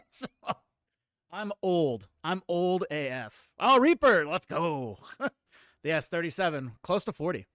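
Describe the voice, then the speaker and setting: A man's voice: on the high side, big pitch swings, slow, a bit bright, no room sound, studio quality. A man in his late thirties hosting a casual livestream chat, rambling, laughing often and greeting viewers. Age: 30s. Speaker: streamer host.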